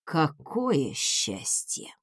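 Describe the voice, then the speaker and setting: A nervous young male dragon ambassador, loud and drawn out, pleading his case, as a woman reads him. The delivery is slow and dry, with a lot of rise and fall in the voice. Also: sits low, huge pitch swings, husky, dry recording, pitched below the performer's own voice, exaggerated voice. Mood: sulky. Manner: anxious and pleading. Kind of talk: audiobook character voice.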